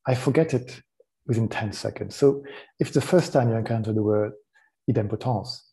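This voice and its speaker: A man with a French accent giving a technical conference talk, explaining in a relaxed way with frequent ums and restarts. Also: medium pitch, fairly quick, vocal fry. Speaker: conference speaker.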